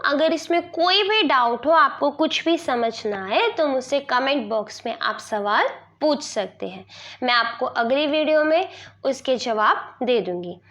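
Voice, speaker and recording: A woman teaching a grammar lesson, explaining slowly and asking herself questions she then answers. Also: high-pitched, fairly bright tone.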